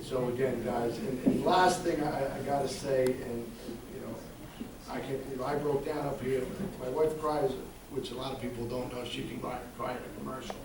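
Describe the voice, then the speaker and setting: A middle-aged man, a football coach, giving a heartfelt banquet speech, telling stories with casual asides. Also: mid-range voice. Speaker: high school football coach. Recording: echoey hall, distant mic, loud crowd. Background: audience laughing and cheering.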